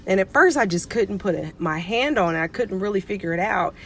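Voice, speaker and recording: A woman's voice: medium pitch, lively intonation, brisk, a bit bright. A middle-aged woman, a pediatric nurse and life coach, telling a story casually to camera and acting out what people said. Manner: chatty, acts out quoted dialogue.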